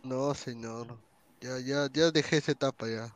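A man's voice: mid-range voice, normal speed. Joking man, casual stream chat. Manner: relaxed, jokey, thinking aloud while browsing. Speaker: stream host.

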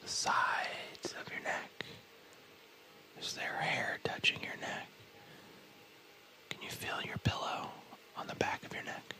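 A man whispering as an ASMR host, leading a guided body scan with soft, soothing instructions and the odd casual aside. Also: slow, long pauses, low-quality recording.

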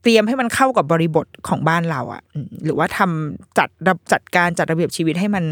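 A woman in her thirties hosting a podcast, chatting casually in an animated, slangy way as she reviews a film. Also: lowish voice, fast talker, no echo, studio quality. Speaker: podcast host.

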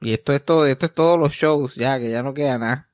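A man's voice: mid-range voice, fast, clear, resonant tone, no echo, studio quality. A young man with a Puerto Rican accent hosting a casual podcast, tired and rambling, poking fun at himself. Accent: Puerto Rican Spanish. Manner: tired, rambling, self-mocking. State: sleepy. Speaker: podcast host.

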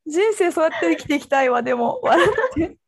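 A young woman with a high voice that swoops up and down chats as a podcast co-host. She reacts quickly, laughs a lot, and tells stories with animated energy. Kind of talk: casual chat.

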